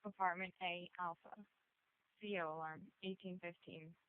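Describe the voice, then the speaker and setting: A woman's voice: fairly low pitch, fairly even intonation, moderate pace, a little hiss or hum. A woman dispatcher reading out a terse, clipped, procedural update over two-way radio. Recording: tinny phone-like radio dispatch audio.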